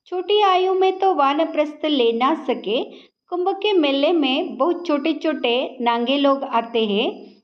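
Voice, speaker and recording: A woman slowly reading a spiritual discourse aloud in a measured, instructive way. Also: high voice, muffled recording. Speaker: scripture reader.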